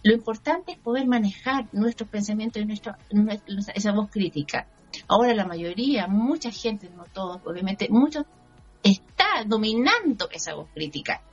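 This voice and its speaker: A woman's voice: mid-range voice, animated, normal speed, breathy edge, muffled recording, faint music behind. A woman with a Chilean Spanish accent, talking earnestly as a personal growth coach and checking that her listener agrees. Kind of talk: motivational talk show chat.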